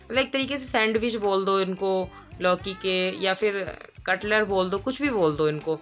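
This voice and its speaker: A woman in her thirties chats through a voice-over for her daily home vlog. She rambles easily, restarting sentences and filling pauses as she goes, at an ordinary mid pitch. Soft music plays faintly beneath her. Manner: chatty, rambling, many fillers and restarts. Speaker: vlogger. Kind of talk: casual voice-over narration.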